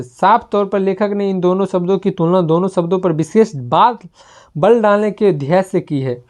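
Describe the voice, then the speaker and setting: A woman reading a self-help book aloud in a steady manner, with small slips and restarts. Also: fairly low pitch. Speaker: book reader.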